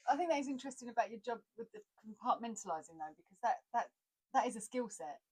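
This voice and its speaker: A woman's voice: on the high side, fast talker, breathy edge. A woman with an Essex accent, an actor co-hosting a casual chat, who tells stories with lots of laughter. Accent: Essex English. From Essex, England. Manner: chatty, laughs often, animated storytelling. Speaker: podcast co-host, actor.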